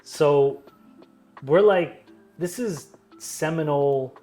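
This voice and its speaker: A man's voice: fairly high pitch, takes it slowly, warm tone, soft background music. A man telling a long story from his tattoo work in casual chat, rambling and full of "you know" and "like". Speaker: tattoo artist.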